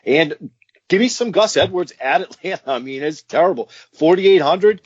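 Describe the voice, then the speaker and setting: Man, podcast co-host, husky voice, casual chat, enthusiastic. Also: on the high side, animated, moderate pace, dry recording, dull audio. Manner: enthusiastic, repeats picks with "give me". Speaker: fantasy football co-host.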